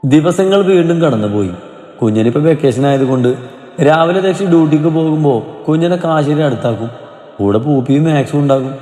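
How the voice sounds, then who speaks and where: A man narrating a family story in a gentle, steady storytelling manner. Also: fairly high pitch, a little fast. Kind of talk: scripted narration. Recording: roomy reverb, soft music behind.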